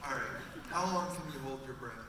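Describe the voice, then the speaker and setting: A man's voice: medium pitch, fairly quick, far from the mic, heavy background noise. A man attending a convention, asking a question shyly and hesitantly at the microphone. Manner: shy and self-conscious, hesitant. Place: large convention hall. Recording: echoey hall recording from afar.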